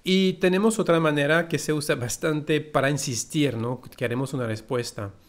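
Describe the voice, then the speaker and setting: A man's voice: on the high side, fairly even intonation, normal speed. A man with a French accent teaching a language lesson, explaining carefully and reading out French example phrases.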